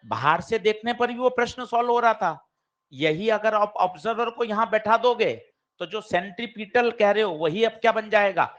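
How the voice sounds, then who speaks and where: High-voiced male physics teacher lecturing. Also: normal speed. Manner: lively, addresses students directly with questions. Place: classroom. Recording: dull lo-fi classroom recording.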